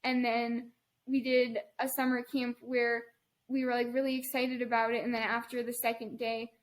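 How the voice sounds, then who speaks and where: A young woman in her early twenties with a high voice, co-hosting a podcast. She tells long rambling stories in a casual, chatty way. Her humor is dry and sarcastic. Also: flat delivery, moderate pace. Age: early 20s. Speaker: podcast co-host. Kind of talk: casual chat.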